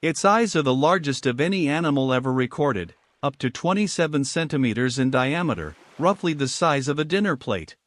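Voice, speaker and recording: Man narrating a slow nature documentary. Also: a little high, expressive, fairly bright tone, no echo. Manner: measured, unhurried nature documentary delivery.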